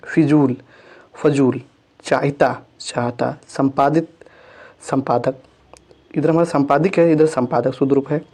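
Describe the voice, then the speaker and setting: A man's voice: mid-range voice, fairly even intonation, measured pace, long pauses, a little mellow, husky. A male teacher giving an exam-prep lesson, reading out correct and incorrect spellings, repeating each word twice and correcting himself as he goes. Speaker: Hindi grammar teacher.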